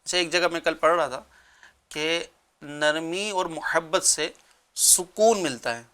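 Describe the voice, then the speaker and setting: A man talking earnestly about gently correcting others on a religious talk show, explaining with pauses. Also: on the high side, smooth. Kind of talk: conversational religious advice talk.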